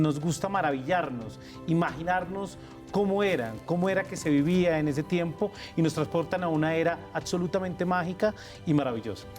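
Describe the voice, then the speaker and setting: Man, fairly high pitch, academic guest, formal explanations, faint background music. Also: a little mellow. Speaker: guest sociologist. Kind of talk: explanatory interview talk.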